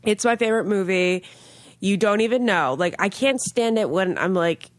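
A woman's voice: mid-range voice, normal speed, no room sound. A woman hosting a podcast in casual chat, with a nasal, congested, slightly snobby-sounding voice from a cold and an emphatic storytelling manner. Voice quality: nasal, stuffed-up voice. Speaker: podcast host.

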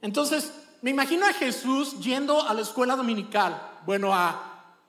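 A male pastor giving a sermon in an animated, conversational way, checking often that the congregation follows. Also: very high-pitched, moderate pace. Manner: animated, conversational storytelling with rhetorical check-ins. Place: church. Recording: echoey church hall.

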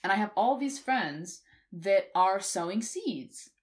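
A woman co-hosting a podcast, talking in a relaxed, rambling way with plenty of fillers. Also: mid-range voice, takes it slowly. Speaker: podcast co-host. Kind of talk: casual chat.

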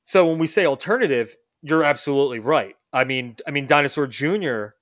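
Guy rambling about old bands on a podcast, kinda high voice, keeps fixing what he says. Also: lively intonation, a little fast, a bit bright, dry recording, clean studio sound. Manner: rambling, self-correcting, lots of restarts. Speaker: podcast host. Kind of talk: casual chat about music history.

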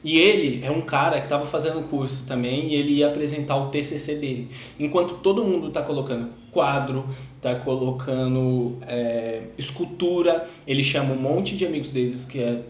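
A man's voice: medium pitch, slight background noise. A man hosting a casual discussion, telling stories with frequent hesitations. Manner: rambling storyteller, often hesitates. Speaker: podcast host. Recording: roomy echo, faint music.

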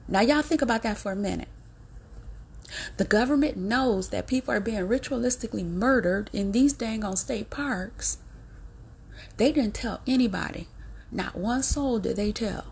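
A woman with a fairly high voice, husky and full of gravelly fry. She talks straight to her viewers as a vlogger, preaching and hammering home the same warning again and again. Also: normal speed. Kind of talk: emphatic direct-to-camera warning.

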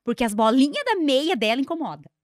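A woman comedian chats as a podcast guest, rattling off lively stories and playing out family conversations in quick bursts. Her voice sits a little high, and the sound is close and dry with no room echo. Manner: animated storytelling, acting out family dialogue with laughs. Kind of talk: casual chat.

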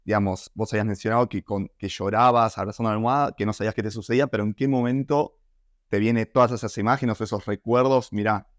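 A man's voice: fairly low pitch, steady tone, quick pace, no room sound, studio quality. An Argentine man co-hosting a podcast interview, politely cutting in and rephrasing his question. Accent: Argentine Spanish.

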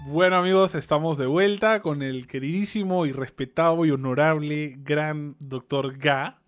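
A man's voice: on the high side, normal speed, soft background music. A man hosting a comedy show in an upbeat, teasing way, making promotional asides to the audience. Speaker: show host.

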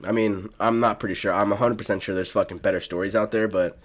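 A man's voice: on the low side, steady tone, fast. A young man co-hosting a podcast, telling a story in casual chat, swearing freely and leaning on lots of fillers. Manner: profane, laid-back storytelling with lots of fillers. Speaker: podcast co-host.

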